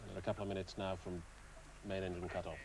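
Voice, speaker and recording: A man's voice: low-pitched, little pitch movement, fast. A man presenting live news commentary and putting questions to a guest. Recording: faint background noise.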